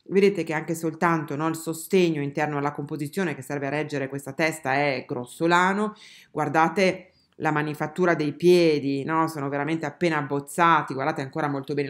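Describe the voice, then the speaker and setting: A woman giving an art history lesson as a voice-over, talking straight to her viewers with many fillers and restarts. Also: low voice. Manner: addresses viewers directly.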